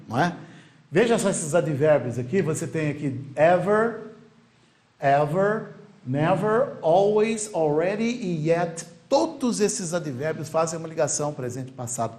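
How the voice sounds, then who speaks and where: A Brazilian man with Portuguese as his first language, teaching an online English grammar lesson in an emphatic way, repeating key words slowly and checking in often with quick questions. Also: fairly high pitch, animated, darkish tone.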